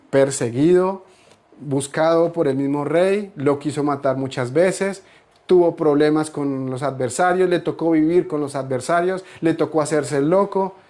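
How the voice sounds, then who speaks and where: A man delivers a sermon in a fairly high voice. He hammers home repeated phrases, lifting to emphatic peaks as he preaches. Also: a little mellow. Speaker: pastor.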